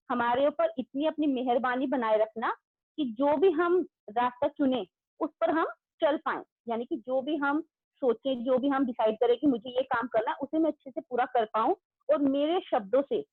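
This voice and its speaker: Loud high-voiced woman teaching an online class. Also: dry recording. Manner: loud, calls out pupils' names and praises answers. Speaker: school teacher. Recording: tinny phone-like audio.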